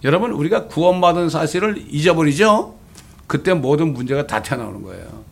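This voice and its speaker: A man's voice: a little high, expressive, brisk, creaky, slightly rough. A man preaching a sermon as pastor, with rhetorical questions and dramatic quoted lines. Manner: preaching with dramatic voiced scripture quotes and English phrases.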